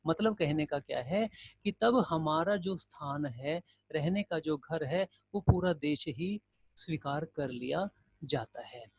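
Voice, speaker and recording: A man's voice: a little high, animated, slow, breathy edge, dry recording. A male Hindi teacher giving a recorded grammar lesson, explaining step by step with everyday examples and questions to students. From India.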